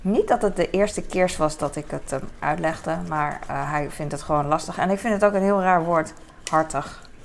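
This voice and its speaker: A woman's voice: deep voice, moderate pace, gravelly, a little hiss or hum. A young woman chatting casually while cooking at home, rambling and laughing at herself, with many fillers and English phrases thrown in. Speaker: vlogger. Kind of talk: casual cooking vlog chat. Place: home kitchen.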